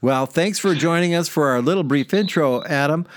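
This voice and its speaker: A man's voice: fairly high pitch, normal speed, no room sound. A man hosting a podcast in casual chat, talking in a chatty, rambling way with fillers. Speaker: podcast host.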